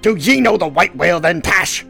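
A man's voice: mid-range voice, normal speed, faint music behind, natural voice. A man voicing a vengeful, domineering old sea captain in a dramatic novel reading, with grandiose, archaic seafaring speech. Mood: rousing.

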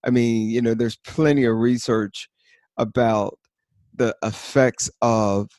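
A man co-hosting a podcast in casual chat, rambling and animated, with many fillers and restarts. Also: medium pitch, slow pace, no echo. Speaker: podcast co-host.

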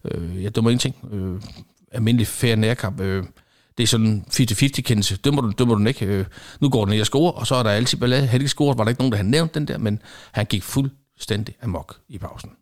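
A middle-aged man, a former football referee, telling lively anecdotes in conversation and acting out what people said. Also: fairly low pitch. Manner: animated storyteller acting out quoted exchanges.

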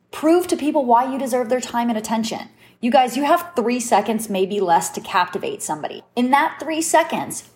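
A woman hosting a business-advice podcast, talking in an encouraging, emphatic coaching tone while recording on her phone. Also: medium pitch. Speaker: podcast host and agency founder.

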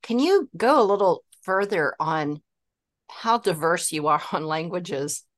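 A woman's voice: fairly low pitch, lively intonation, a little slow. A woman hosting a podcast interview, asking her questions with fillers and restarts. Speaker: podcast host.

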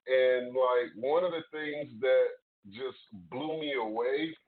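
A man's voice: mid-range voice, slow pace, slight background noise. A male radio talk show host who is upbeat and chatty and laughs easily while interviewing a guest. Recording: narrow lo-fi radio sound.

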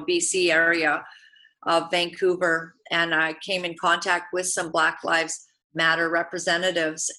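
Bright-voiced earnest woman host. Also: on the low side, low-quality recording. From Uganda. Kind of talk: political talk show. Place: Vancouver area.

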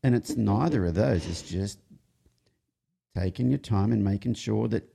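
A man with a lowish, warm, husky voice and vocal fry speaks at a moderate pace. He's a horse trainer and show host chatting casually, telling meandering, humorous training anecdotes and repeatedly interrupting and restarting his own sentences.

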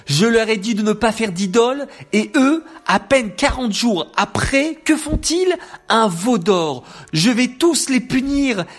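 A woman voicing a stern, angry God in a children's storybook, with firm, lively delivery. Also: a little high, a little slow, voice pushed up.

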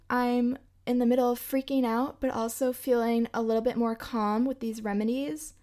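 A woman's voice: fairly high pitch, a little mellow. Chatty young woman telling a story. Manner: chatty and emphatic. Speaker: podcast host. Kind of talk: casual storytelling.

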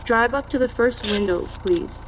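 A woman voicing a fast-food drive-thru order taker heard over the speaker, speaking in brisk routine service phrases. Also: on the high side, slight background noise.

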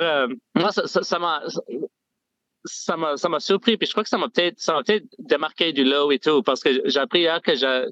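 A young man with an Acadian French accent talks on a casual call in an easygoing, halting way. His voice sits a bit high. The line sounds muffled and dull, with no room echo. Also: fairly bright tone. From Nova Scotia, Canada. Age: young adult. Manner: easygoing, halting, leans on "tu sais" and "comme". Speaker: guest storyteller. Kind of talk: casual interview. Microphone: phone or remote call.

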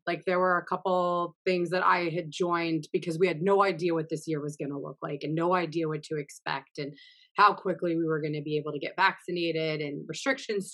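A woman's voice: lowish voice, sharp tone. A woman hosting a casual interview, asking questions in a conversational way. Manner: conversational, many fillers and hedges.

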